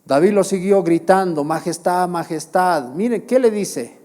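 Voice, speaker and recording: A man's voice: high-pitched, expressive, normal speed, dark tone. A male pastor preaching a sermon, with repeated phrases, rhetorical questions to the congregation and emphatic exclamations.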